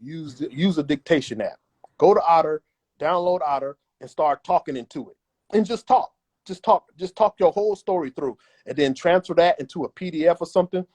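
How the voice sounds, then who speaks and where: A man's voice: fairly high pitch, brisk, darkish tone, husky. A man as an interview guest giving emphatic, repetitive advice in a casual chat. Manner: emphatic and repetitive, acts out imagined voices.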